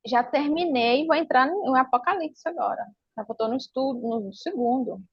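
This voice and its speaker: A woman's voice: sits high, moderate pace, slightly rough, no echo. A woman with a Brazilian accent telling a personal church testimony to her pastor, acting out the dialogue as she goes. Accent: Brazilian Portuguese. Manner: lively storyteller acting out dialogue. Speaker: church member giving testimony. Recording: dull lo-fi dry recording.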